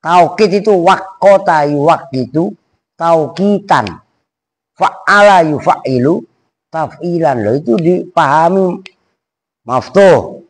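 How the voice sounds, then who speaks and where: A man teaching a kitab at an Islamic boarding school, reading slowly word by word and teasing his students. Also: fairly high pitch, lively intonation, husky. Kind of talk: casual classroom teaching of Arabic rhetoric.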